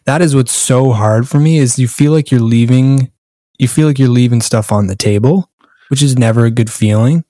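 A man's voice: mid-range voice, normal speed, dark tone, no room sound, clean studio sound. A man co-hosting a podcast in casual chat, reflective and earnest, asking probing questions. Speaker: podcast co-host.

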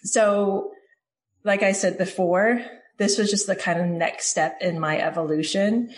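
A woman in her forties from Hawaii, a podcast guest telling her story in a warm, rambling way, with fillers and self-corrections. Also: medium pitch, fairly even intonation, measured pace. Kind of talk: interview answers.

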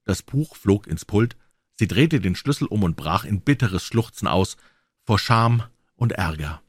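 A man reading a classic story as an audiobook, narrating in a measured, expressive way. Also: fairly low pitch, slightly rough, no room sound, clean studio sound. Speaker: audiobook reader.

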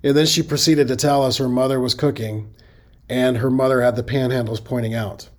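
A man's voice: medium pitch, steady tone, fairly quick. Folksy Midwestern man hosting a podcast. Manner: conversational, folksy, self-correcting. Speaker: safety podcast host. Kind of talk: podcast monologue.

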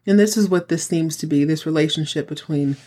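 A woman's voice: low voice, a little fast, dark tone. A woman hosting a casual TV recap podcast, chatty and campy, with theatrical, dramatic emphasis. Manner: theatrical, campy show-host delivery. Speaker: podcast host.

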